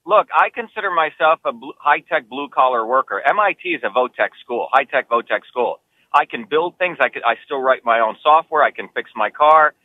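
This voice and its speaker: Answering interview questions on the campaign trail, a political candidate who grew up in New Jersey talks brisk and insistent, his pitch climbing as he heats up. His intonation is lively and emphatic, and the sound is dry and phone-quality.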